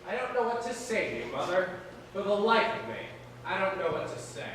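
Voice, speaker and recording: A man's voice: high voice, big pitch swings, brisk, fairly bright tone. A teen boy playing a pompous stuffy son. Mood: disturbed. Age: teens. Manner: stiff, lecturing stage delivery. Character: pompous stuffy adult son, easily exasperated. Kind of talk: high school stage play. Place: school theater stage. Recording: echoey hall from far off, faint noise.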